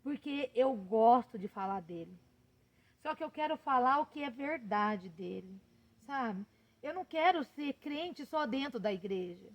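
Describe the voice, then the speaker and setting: A woman missionary delivers a heartfelt sermon in a notably high voice. She speaks with passion and pushes up to emphatic peaks. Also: expressive, measured pace, low-quality recording. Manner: impassioned, rising to emphatic peaks. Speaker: missionary preacher.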